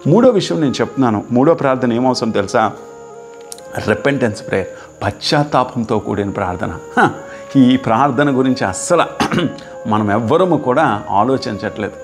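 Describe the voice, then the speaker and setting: A man preaching with real fervour, his voice sitting in an ordinary middle register. He climbs into urgent, repeated calls and then drops into slow, hushed stretches. Soft music plays faintly underneath. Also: medium pitch, animated. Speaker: pastor. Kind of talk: sermon.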